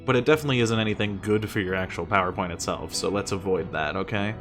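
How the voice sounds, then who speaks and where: A man's voice: deep voice, fast. A man from the US giving a casual explainer, talking conversationally and asking exasperated rhetorical questions that he often answers himself. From United States. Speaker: streamer and teacher giving presentation tips. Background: music.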